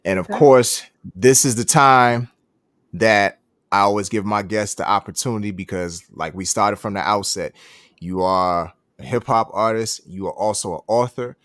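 A man's voice: lowish voice, moderate pace, a bit bright, dry recording, studio quality. A man hosting an interview show, affirming his guest and inviting her to promote her work. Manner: affirming, encouraging. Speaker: host.

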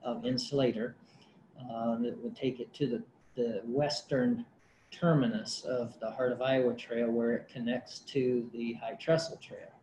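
Man presenting to a county board, mellow and halting, echoey meeting-room sound. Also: mid-range voice, level tone. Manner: hesitant, many fillers and restarts. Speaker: county conservation director. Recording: roomy meeting-room audio, faint hum.

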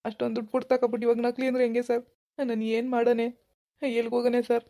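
A woman's voice: fairly high pitch, completely flat delivery, fast, mellow, no room sound, studio quality, natural voice. A woman voicing a pleading village man. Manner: pleading, bewildered, keeps begging "sir". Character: anxious village man pawning his gold. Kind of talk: animated cartoon dialogue.

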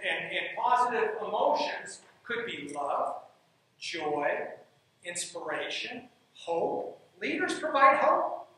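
This man's very high-pitched voice comes across pushed and bright as he lectures emphatically on leadership and coaching, again and again repeating key lines. The setting is a dark stage in a large hall, recorded at a distance with heavy echo.

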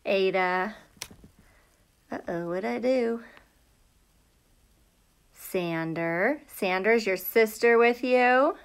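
Speaking on the high side, a middle-aged American teacher livestreams a read-aloud for children from a small indoor room at home. She's chatty and lively, calling out viewers by name and posing questions, with the audio coming from a phone or tablet at arm's length.

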